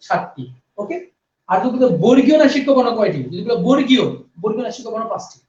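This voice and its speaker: Fast, high-voiced male teacher, echoey. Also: darkish tone. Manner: explains by asking and answering himself, repeats key points. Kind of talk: grammar lesson. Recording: echoey, distant, dull sound.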